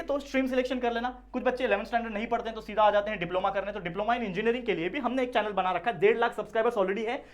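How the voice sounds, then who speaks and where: A young man, an online tutor, talking straight to students with earnest advice and frequent check-ins. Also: sits high. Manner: earnest, addresses students directly with frequent checks like "theek hai na". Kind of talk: direct-to-camera advice talk.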